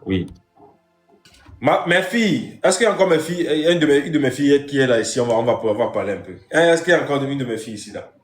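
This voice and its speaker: A man's voice: medium pitch, lively intonation, quick pace, faint music behind. A man hosting a comic live stream as a strict father, lecturing with emphatic repetition. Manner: lecturing, emphatic, repeats phrases. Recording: roomy echo.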